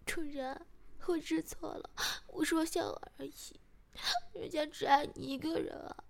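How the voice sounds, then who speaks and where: A woman's voice: high-pitched, flat delivery, unhurried, pitched above the performer's own voice, heavily acted. Woman putting on a coy, pleading young wife. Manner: breathy, whiny and pleading.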